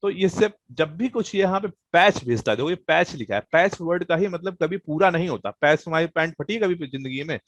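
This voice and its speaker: A man's voice: fairly high pitch, animated, brisk, few pauses, no room sound. A man teaching a programming class online, explaining casually and checking in with students, with plenty of fillers. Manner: explains casually, many fillers and "thik hai" check-ins.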